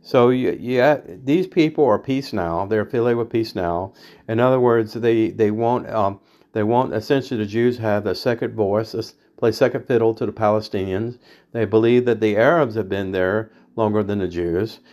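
A man's voice: on the low side, moderate pace, a little mellow. A man giving a rambling, opinionated political monologue, hesitant and full of fillers and restarts. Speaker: political commentator.

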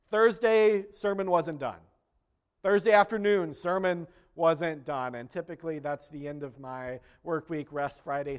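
A man in his thirties delivers a sermon from the pulpit with a fairly high, bright-edged voice. He speaks earnestly and his volume swells when he reads scripture or voices a prayer. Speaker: pastor.

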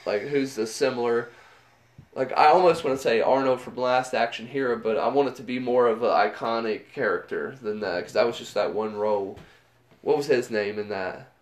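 A man in a middle-pitched voice, casual and profane as he riffs with a friend. His talk rings around an echoey room, and he drifts from topic to topic in an easy, loose way. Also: moderate pace. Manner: loose, profane riffing, acts out movie lines. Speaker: podcast co-host. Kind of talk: casual chat.

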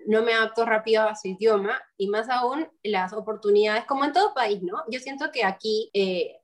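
A young woman with a Peruvian accent chatting with many fillers, speaking over a video call from home. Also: mid-range voice. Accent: Peruvian Spanish. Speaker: guest, children's entertainer. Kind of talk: casual chat.

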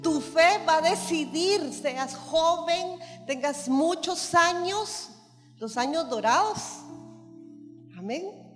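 A woman's voice: very high voice, lively intonation, takes it slowly. A woman preaching a sermon, emphatic and repetitive, with frequent calls of amen. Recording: reverberant hall with faint music.

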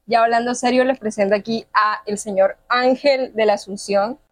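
A woman's voice: a little high, fairly even intonation, normal speed, no room sound. A woman with a Colombian Caribbean accent, hosting a podcast in a playful, joking way. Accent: Colombian Caribbean Spanish. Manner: playful, joking, laughs easily. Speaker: podcast host. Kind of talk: casual conversational interview.

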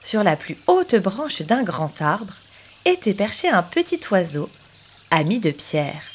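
A woman narrating a children's story in an expressive, animated storybook manner. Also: medium pitch, slow, husky.

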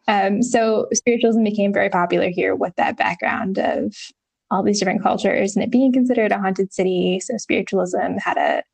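A woman co-hosting a casual history podcast, talking in a relaxed way with lots of ums and the odd wry swear word. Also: mid-range voice, creaky. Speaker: podcast co-host.

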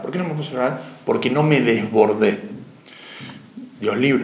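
A man lectures a class, posing questions and then answering them himself. His voice sits at an ordinary pitch. The recording is slightly muffled and echoey, with faint room noise behind him. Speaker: teacher.

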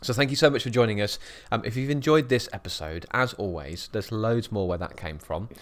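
A chatty British man with a lowish voice, co-hosting a relaxed podcast from an office. He jokes around and laughs easily. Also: a little fast. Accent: British English. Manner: chatty and jokey, laughs often. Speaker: podcast co-host. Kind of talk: casual podcast chat. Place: office at a bird of prey centre.

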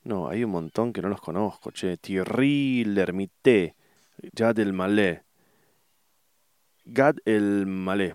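A middle-aged man with an Argentine Spanish accent rambles casually to his viewers, stopping often to hunt for words. His voice sits low and comes across smooth and resonant. The sound is dry, with no room echo. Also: darkish tone. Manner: hesitant, searching for words, many fillers. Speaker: vlogger.

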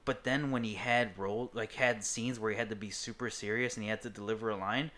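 A man co-hosting a podcast, chatting in an excitable, rambling way. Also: fairly low pitch, fast talker. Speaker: podcast co-host. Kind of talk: casual chat.

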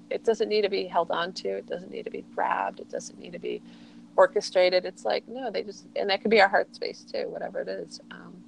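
Middle-aged woman with a heavy vocal fry, rambling chat, lots of likes, kinda dreamy and reflective. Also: mid-range voice, slight background noise, rough recording. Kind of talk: reflective casual conversation.

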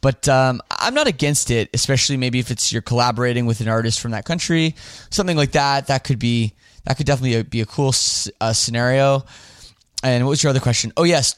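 Smooth-voiced Canadian podcast host. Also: male voice, medium pitch, fast, no echo, studio quality. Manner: relaxed, rambling with fillers and restarts. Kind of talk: casual podcast answers.

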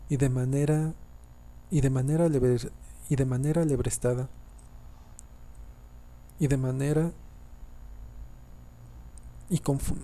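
A man's voice: mid-range voice, warm tone. A man narrating a horror story, often stumbling and restarting whole sentences. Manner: reads haltingly, often restarting and repeating sentences.

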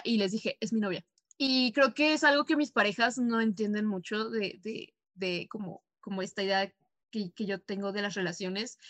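A woman's voice: fairly high pitch, a bit bright, no room sound. A young woman with a Mexican accent, co-hosting a podcast and telling a personal story in a casual, slangy way full of fillers. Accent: Mexican Spanish. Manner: fast, slangy, frequent fillers and laughs. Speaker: podcast co-host.

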